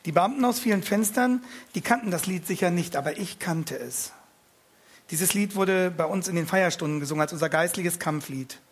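A man with a high voice for his sex retells a story at an easy pace. He hesitates often and slips between his own narration and reading in the first person. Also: moderate pace, husky.

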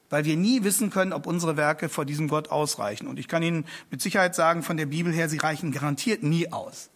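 A man preaching a sermon to a seated congregation, emphatic, repeating key phrases and slowing down for quoted verses. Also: fairly high pitch.

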